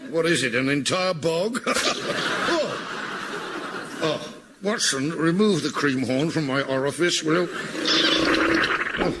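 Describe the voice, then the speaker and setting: Boastful, mischievous detective, played by a man; lively pitch, loud hiss. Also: slow pace, long pauses. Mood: pompous. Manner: pompous and mischievous. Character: vain, pompous male detective, cheeky and boastful. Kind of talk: comic radio play acting.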